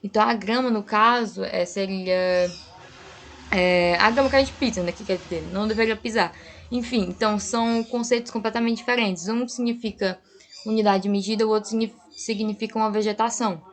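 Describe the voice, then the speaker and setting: A woman's voice: medium pitch, fairly even intonation, fairly quick. A young woman teacher giving a patient online grammar lesson, often checking in with her students. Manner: patient, explanatory, frequent "tá?" checks. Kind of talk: online class lecture.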